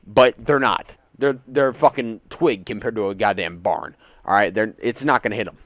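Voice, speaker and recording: This is a teen or young adult man recording casual story time over gameplay for his gaming channel at home, sounding indignant and swearing freely. His voice runs on the low side and a bit bright, at normal speed, in a space without echo.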